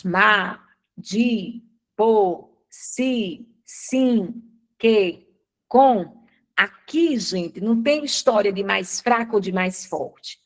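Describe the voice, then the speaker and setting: A woman teacher from Brazil giving a live online grammar lesson, asking questions and answering them herself. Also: on the high side. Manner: didactic, asks and answers her own questions.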